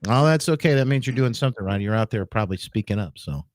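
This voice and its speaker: Brief: male talk radio host, animated swings in pitch, dry close studio sound, chatty. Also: fast talker, dry recording. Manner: chatty, greets listeners by name. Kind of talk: casual talk radio chat. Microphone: studio microphone.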